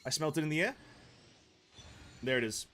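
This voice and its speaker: A young man casually commenting on his own game pulls, mostly dry and muttering, at times breaking into loud excitement. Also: a little high, normal speed, slight background noise. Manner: deadpan and muttering, bursting into shouting excitement. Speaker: game streamer. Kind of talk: casual live-stream commentary.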